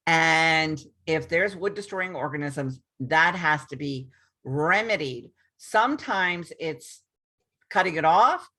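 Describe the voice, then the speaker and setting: This is a screen-share video recording of a woman realtor casually explaining things to her audience. Her voice is low with a fairly bright tone, and her chatty delivery is full of repetition, false starts and ums.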